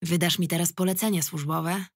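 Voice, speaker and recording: A tough young policewoman, as a woman reads her snaps back with curt, swearing irony. Her voice is low, with a gravelly creak and a husky edge. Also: steady tone, a little fast, no echo, clean studio sound. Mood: sarcastic, angry. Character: tough sarcastic young policewoman, foul-mouthed.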